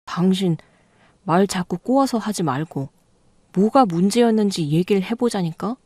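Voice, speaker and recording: A woman's voice: medium pitch, lively intonation, moderate pace, dark tone, no room sound, natural voice. Radio-drama husband, clueless and defensive , done by a woman; dry close sound. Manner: defensive, pleading.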